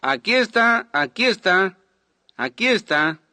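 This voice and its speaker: A man voicing an excited male announcer calling out to a crowd at a meeting. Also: high voice, unhurried, dry recording, voice pushed up, heavily acted. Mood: eager.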